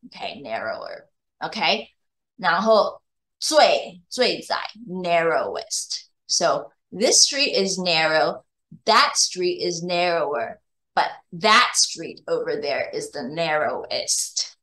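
A woman's voice: fairly low pitch, sing-song, slow, sharp tone. Patient lady tutor going over english grammar, voice goes up and down a lot, keeps asking if you got it. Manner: patient, checks understanding often. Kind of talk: bilingual tutoring lesson.

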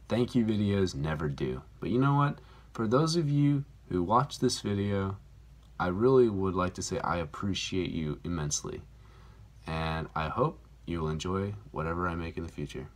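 A man hosting his own channel, talking casually to camera in a rambling, self-deprecating way full of fillers, recorded on a phone. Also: sits low. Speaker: YouTuber, channel host. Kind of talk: casual vlog talk to camera. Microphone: phone camera mic.

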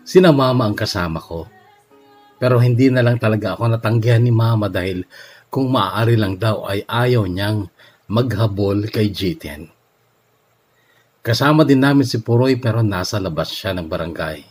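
A man reading a listener's letter aloud as a first-person story, steady and measured with emotional lifts. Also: lowish voice, slightly rough. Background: soft background music.

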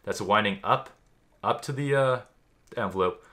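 A man's voice: on the low side, moderate pace, pushed and bright. A man giving a mock magic tutorial commentary in an offhand, boastful, know-it-all way. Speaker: YouTuber.

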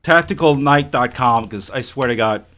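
A man giving live gameplay commentary, ranting in an exasperated, profane way that swings between shouting and low muttering. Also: normal speed. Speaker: gaming channel host.

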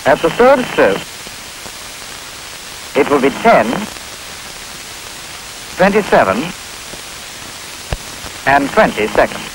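A man gives recorded time announcements in chunks that sound spliced together. Each segment is slow and measured, with lively shifts of pitch from one to the next. A faint hiss of 1950s film sound runs underneath. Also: poor audio. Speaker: recorded speaking clock voice. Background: steady hiss.

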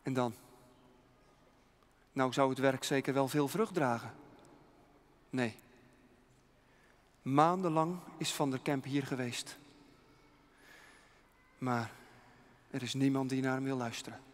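A man's voice: medium pitch, slow, long pauses. A man freely telling a mission story to children, dramatic and suspenseful, with many rhetorical questions, heard with a long hall reverb.

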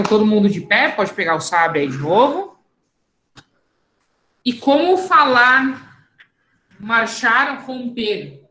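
A woman's voice: mid-range voice, fairly bright tone. A woman fencing coach with a Brazilian Portuguese accent, patiently explaining technique and calling out drill commands in an online class. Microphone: camera mic, moving away at times. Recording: echoey room.

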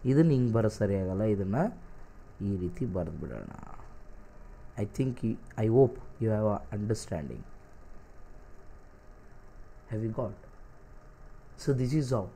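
A man's voice: fairly low pitch, mellow. A man with a Kannada accent teaching an exam-prep English class, reading out singular and plural word pairs and checking that his students follow.

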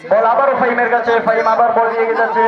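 High-pitched man giving excited football commentary, echoing outdoors. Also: very fast. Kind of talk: live amateur play-by-play football commentary over a PA. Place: outdoor sports ground. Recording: echoey outdoor PA, distant, dull, crowd noise.

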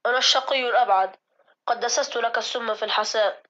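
A woman's voice: fairly high pitch, fairly even intonation, fast talker, muffled recording, lightly acted. A woman playing a sobbing guilty servant. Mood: confessing. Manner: loud, pleading, sobbing. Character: guilt-stricken male servant, weeping and pleading. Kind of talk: classroom drama reading.

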